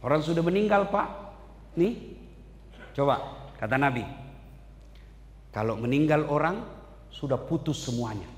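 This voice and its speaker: Male preacher, lively and a little high, echoey hall recording. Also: measured pace, pauses often. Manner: animated, swings between loud and hushed. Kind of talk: sermon. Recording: echoey hall with faint ambience.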